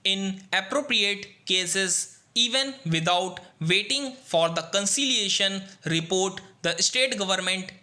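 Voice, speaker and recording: A man with an Indian accent is dictating formal text at a slow, measured rate. His voice is high and very bright, with a forceful edge. He reads phrase by phrase, as for shorthand practice, speaking punctuation aloud.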